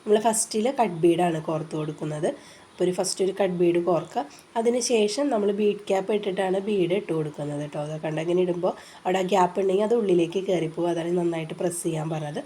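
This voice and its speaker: A craft channel host with a low-leaning, warm voice talks fast through a casual tutorial, explaining each step patiently and chattily with frequent filler sounds. A cold leaves her stuffy and congested, and rain falls outside amid slight background noise.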